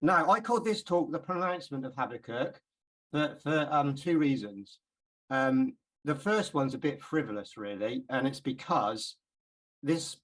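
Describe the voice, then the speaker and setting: A man's voice: mid-range voice, a bit bright, poor audio. A man from England giving an informal Bible class talk, chatty and hesitant, with many ums and repeated words.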